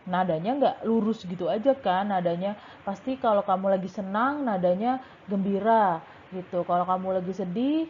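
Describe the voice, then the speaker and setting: A woman primary school teacher giving a recorded lesson to young pupils, speaking gently and patiently. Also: mid-range voice, slight background noise. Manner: gentle, patient, addresses children as Nak. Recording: tinny phone-like sound.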